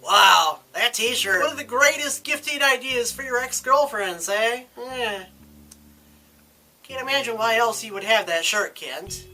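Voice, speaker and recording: A woman's voice: a little high, lively intonation, a little slow, pushed and bright, faint music behind. A woman giving sarcastic, teasing let's play commentary over a game.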